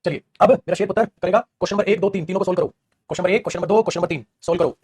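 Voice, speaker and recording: A man teaching an English grammar class in rapid Hindi mixed with English, calling his students "beta" as he corrects their answers. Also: high voice, a little mellow, husky. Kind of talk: online coaching lesson.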